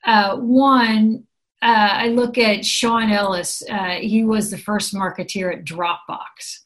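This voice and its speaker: A middle-aged American woman from San Francisco, who works as a program director, answers interview questions in a chatty, upbeat manner and uses examples to explain herself. Her voice is medium-pitched, steady and fairly bright, and she speaks slowly.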